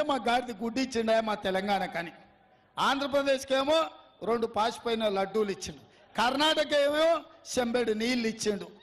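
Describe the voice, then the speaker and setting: A man with a Telangana accent delivers a fiery rally speech in a very high, strained pitch. He is rousing and rhetorical, hammering the crowd with repeated questions. His voice trails a long reverb from a public address system. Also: a bit bright. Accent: Telangana Telugu. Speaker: political speaker at a rally.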